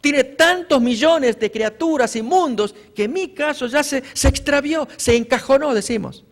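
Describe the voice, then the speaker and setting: Male pastor, high voice, preaching a sermon; swells on the scripture lines and calls the audience brothers. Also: unhurried, big-room sound. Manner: preaching with emphatic rises on scripture readings; addresses listeners as brothers. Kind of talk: evangelistic sermon.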